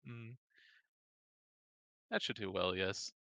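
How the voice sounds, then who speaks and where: A man playing a tabletop game, talking in character, polite and measured. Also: fairly low pitch, creaky, bright, forceful tone, no room sound. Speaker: player.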